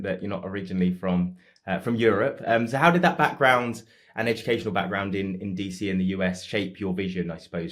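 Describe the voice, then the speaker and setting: A man hosting a podcast, introducing his guest in an upbeat, welcoming way and asking questions with some fillers. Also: lowish voice. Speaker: podcast host.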